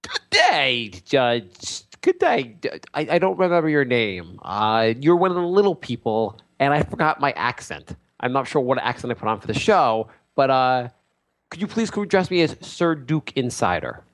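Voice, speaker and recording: A man voicing a pompous self-styled male lord and sports insider in an improvised comedy bit, rambling through a grandiose sales pitch. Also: big pitch swings, moderate pace.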